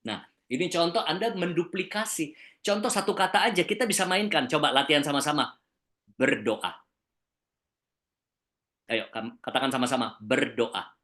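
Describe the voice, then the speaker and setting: A man with an Indonesian accent, a communication coach giving a webinar lecture and demonstrating intonation with flat and exaggerated examples over a video call. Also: on the high side.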